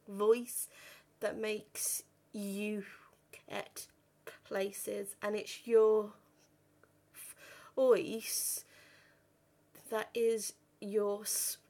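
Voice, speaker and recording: Slow-talking woman with a stammer. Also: mid-range voice, creaky, a little mellow. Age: 30s. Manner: stammers, with repeated words and broken starts. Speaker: vlogger. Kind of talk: personal talk to camera.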